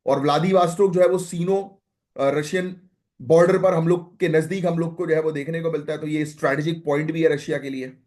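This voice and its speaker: A man's voice: fairly high pitch, steady tone, fairly quick, a little mellow. A young man teaching current affairs for exam prep, chatty and direct, mixing English terms in and checking in with "है ना?". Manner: conversational Hindi-English mix, frequent "है ना?" and "ठीक है"; direct, advising students what to note.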